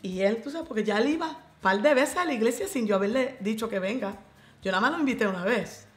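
Radio guest, Puerto Rican woman, bright storyteller, roomy sound, faint music bed. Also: a little high, fast. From Puerto Rico. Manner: animated storyteller, acts out quoted voices, mixes in English. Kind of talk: testimony in a radio interview.

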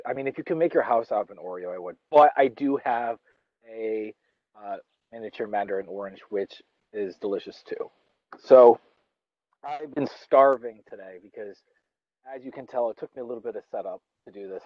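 A young man talks casually as he eats outdoors, rambling and restarting, with plenty of fillers. His voice sits at a middling pitch for a man. The recording is dry and somewhat dull, with a lo-fi edge. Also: no room sound. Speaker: vlogger. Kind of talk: casual talk while eating. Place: outdoors under a tree in a yard.

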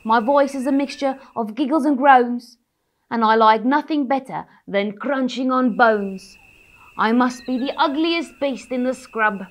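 A woman voicing a mean, boastful spotted hyena who brags loudly about being ugly. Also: sits high, a little slow. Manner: proud, showy boasting.

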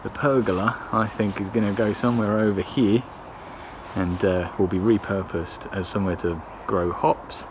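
A man's voice: fairly low pitch, steady tone, moderate pace, noisy background. A young man in his twenties vlogging a garden building project, talking casually with a wry, self-deprecating manner while filming on a phone held at arm's length outdoors. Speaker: home brewing vlogger. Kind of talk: casual vlog narration. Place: outdoors in a back garden and inside a wooden cabin. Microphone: phone camera at arm's length.

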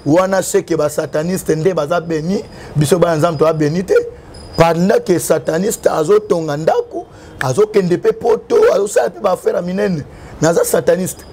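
A young Congolese man speaks French with a Congolese accent, his voice fairly high, lively in intonation, darkish in tone, at a normal speed. He is a prophet preaching fervently during an interview, slipping into Lingala and at times half-singing. A lapel mic captures him on a covered outdoor terrace against a tiled wall in the DRC.

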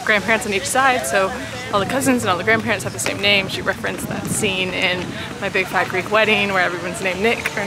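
In a city park and plaza, an American woman in her thirties vlogs a casual rundown of her walking tour, poking fun at herself as she chats. She speaks in a mid-range voice, filming herself at arm's length while outdoor city sounds fill the background.

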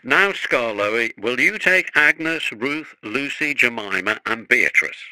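A man's voice: mid-range voice, expressive, slow, pushed and bright, dry recording, voice pushed up, heavily acted, low-quality recording. Man doing a stern storybook railway boss, commanding, dry close sound. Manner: firm and commanding.

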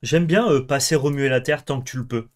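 A man's voice: medium pitch, a little fast. A young man co-hosting a card game video, bantering and suggesting plays, with the odd swear when frustrated. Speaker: co-host and card game player. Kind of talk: casual gameplay chat.

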